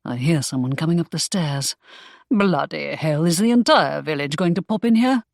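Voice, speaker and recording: A woman narrator voicing a protective young nobleman suitor, speaking low, teasing and tender. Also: expressive, normal speed, vocal fry, a little mellow, no echo, studio quality. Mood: terse.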